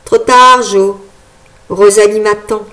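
A woman voicing a weary, stubborn old man in a read-aloud story, speaking slowly and plainly. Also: medium pitch, fairly even intonation, sharp tone. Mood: determined.

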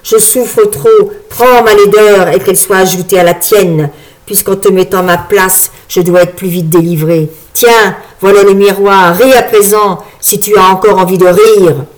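A woman voicing a vain, grandiose enchanted frog fairy in a storybook reading, with a shrill, preening, imperious manner. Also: steady tone, unhurried, close to an everyday voice. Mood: furious.

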